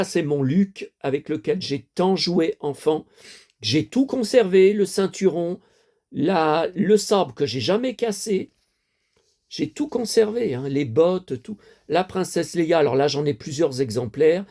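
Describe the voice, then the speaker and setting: A man's voice: a little high, lively intonation, a little slow, a little mellow. A man in his fifties, a collector chatting casually to camera, rambling and repeating himself with many fillers. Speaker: toy collector vlogger.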